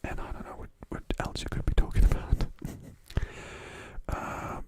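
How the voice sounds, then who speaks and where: Reading chat messages aloud during a livestream, an ASMR host whispers quietly and wanders from thought to thought in a laid-back manner. They're in a room at home and keep a moderate pace.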